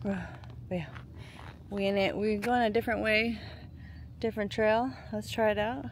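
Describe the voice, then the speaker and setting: A woman's voice: mid-range voice, moderate pace. A woman filming a casual vlog on a hillside trail, chatty and encouraging, out of breath as she hikes with her kids. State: out of breath on the hike. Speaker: vlogger and mom. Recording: outdoor phone audio with steady background noise.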